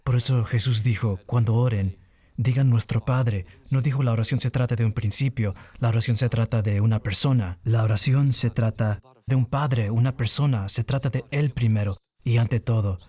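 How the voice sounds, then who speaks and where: A man's voice: medium pitch, normal speed, warm tone, slightly rough. A man preaching a sermon in an earnest teaching manner, lifting his voice on key points.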